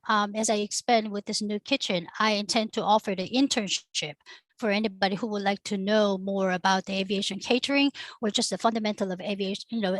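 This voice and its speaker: A woman's voice: on the high side, no room sound. Korean-accented woman telling her story. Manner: earnest storytelling with frequent fillers. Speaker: catering company founder, guest. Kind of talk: panel discussion.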